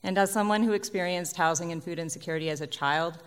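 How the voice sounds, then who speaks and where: A woman's voice: fairly low pitch, fast, clear, resonant tone. A woman running for re-election as county commissioner gives a prepared opening statement in an earnest, practiced way. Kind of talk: prepared campaign speech. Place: auditorium hall. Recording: reverberant hall.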